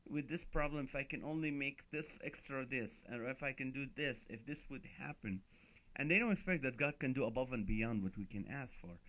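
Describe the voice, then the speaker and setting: A man's voice: medium pitch, a little fast. A middle-aged man, a guest comedian, telling funny stories on a talk show and acting out the voices of the people in them. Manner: animated comic storytelling, acts out quoted voices.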